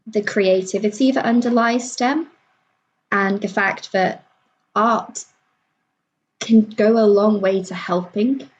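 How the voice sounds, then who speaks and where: A young woman explains her views in a measured, reflective way during a casual discussion. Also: mid-range voice, steady tone, dull audio.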